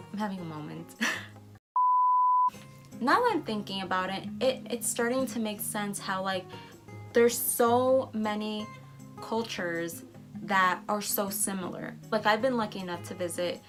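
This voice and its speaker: An excitable young woman travel vlogger from the United States, whose first language is Spanish, speaks at medium pitch over faint music. In a casual vlog reaction, she reads results aloud with surprised asides.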